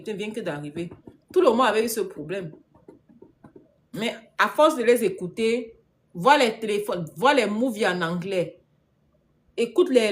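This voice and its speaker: A woman's voice: medium pitch, a little hiss or hum. A woman business coach talking casually on a live stream, answering viewers' comments. She drives her points home by repeating them, often laughs, and drops English words into her speech. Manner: emphatic and repetitive, laughs often.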